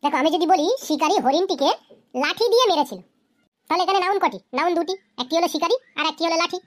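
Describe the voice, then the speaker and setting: A woman's voice: very high voice, animated, fast talker. A woman voicing a patient female cartoon teacher in a children's grammar lesson, who asks the class questions and then answers them herself. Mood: explaining.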